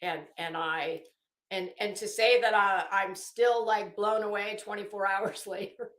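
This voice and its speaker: This livestream host's voice is medium-pitched, fairly even in intonation, a bit bright and a little slow. She chats casually with live viewers in a gossipy manner, chuckling and slipping in coy asides. The recording has a roomy, echoey sound.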